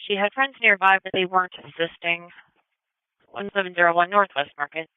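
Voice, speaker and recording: An emergency dispatcher, a woman with a fairly low, steady, smooth voice, reads out procedural details a little fast in a clipped, methodical manner. It comes over a police radio dispatch microphone with narrow-band scanner sound and no echo.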